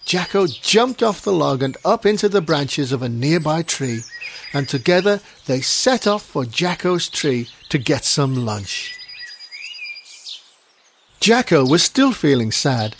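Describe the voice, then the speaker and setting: A storyteller reading a children's story in a gentle, expressive way. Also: mid-range voice, measured pace, creaky, a little hiss or hum.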